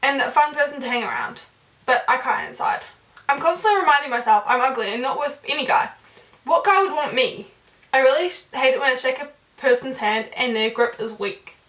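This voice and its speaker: Young female vlogger, high voice, rapid giggly delivery, roomy mic-distant sound. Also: a bit bright. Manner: fast-talking, giggly. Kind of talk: reading viewer confessions to camera.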